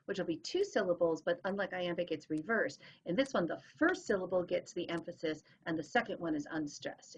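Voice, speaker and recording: A woman's voice: on the low side, breathy edge. A woman teacher explaining things in a recorded lesson, sounding out rhythms as she goes. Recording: dull lo-fi recording.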